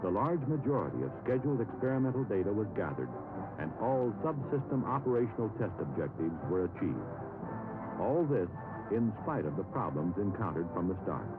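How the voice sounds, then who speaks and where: A man reading scripted documentary narration in formal, measured phrases. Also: on the low side, sing-song. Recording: narrow-band old film soundtrack with music.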